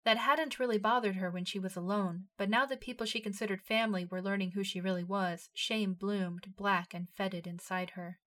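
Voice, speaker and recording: A woman narrating a fan fiction story aloud in a steady storytelling voice. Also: mid-range voice, moderate pace, few pauses.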